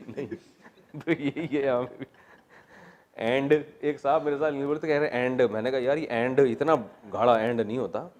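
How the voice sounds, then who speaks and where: A middle-aged man, teaching Quranic Arabic grammar. He spells out word forms slowly, repeats them, and drops in joking asides. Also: mid-range voice, darkish tone. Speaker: religious teacher.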